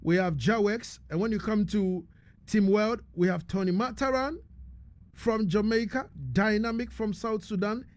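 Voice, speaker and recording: A man's voice: high-pitched, steady tone, moderate pace, no room sound. A man hosting a radio interview in a studio, who often asks "you understand me?" as he talks. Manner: keeps asking "you understand me?". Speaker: radio host.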